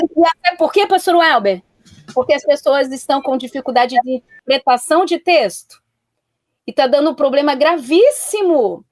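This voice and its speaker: A woman's voice: high-pitched, no room sound. A woman guest on a live talk show who gives counsel in an earnest, emphatic way and repeats her warnings to stress them.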